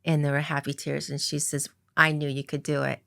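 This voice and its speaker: Low gravelly-voiced woman telling her story. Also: completely flat delivery, brisk, bright, forceful tone. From Coeur d'Alene reservation, Idaho, US. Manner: earnest, reflective, many um fillers. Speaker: interview guest, casino executive. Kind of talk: casual interview storytelling.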